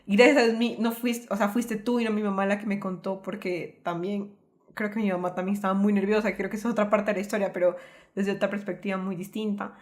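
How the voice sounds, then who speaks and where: A young woman from Colombia speaks softly and thoughtfully as she recounts her side of a family loss. Her voice sits at an ordinary middle pitch for a woman, and she tells it in a candid, unhurried way, the way a nervous person does. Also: flat delivery. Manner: soft-spoken, reflective, self-described nervous. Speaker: podcast co-host, the speaker's sister.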